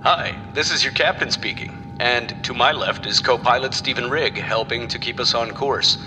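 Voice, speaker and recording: An airline captain speaks over the cabin loudspeaker, as a podcast host puts him on. The patter is deadpan and mock-formal. A loud engine rumble runs beneath it, and a long reverb trails each word. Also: male voice, normal speed. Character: male airline captain making a joking cabin announcement.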